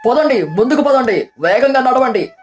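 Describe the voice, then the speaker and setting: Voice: medium pitch, fast, darkish tone, faint music behind, lightly acted. Someone voicing Sundaram, a bragging city son-in-law. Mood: eager. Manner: bragging, bossy. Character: boastful young city son-in-law, showy and proud.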